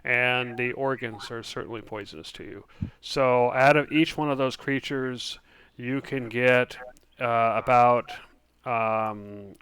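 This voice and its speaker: Smooth-voiced man running a tabletop game. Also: medium pitch, no echo. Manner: relaxed, many fillers, describes actions and rolls. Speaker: game master.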